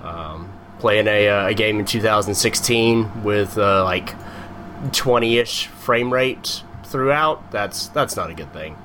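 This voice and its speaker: Bright-voiced man telling a rambling story. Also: lowish voice, takes it slowly, slight background noise. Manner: rambling, animated storytelling with many fillers. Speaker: podcast co-host. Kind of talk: casual chat.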